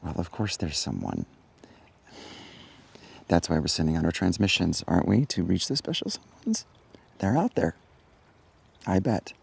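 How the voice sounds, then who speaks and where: An actor playing a middle-aged scoutmaster in a short film, cheerfully callous and offhand, who shouts when he gets worked up. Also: low voice, moderate pace, pauses often, heavily acted. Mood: lecturing. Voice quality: gravelly, husky, yells when excited.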